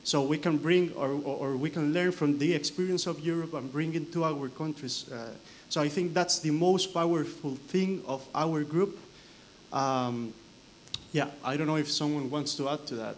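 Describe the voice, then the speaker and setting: A man's voice: a little high, moderate pace, a little hiss or hum. Young man from Costa Rica on a panel. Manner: earnest, searching for words with fillers. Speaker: researcher answering a question. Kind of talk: conference panel answer. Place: large conference hall.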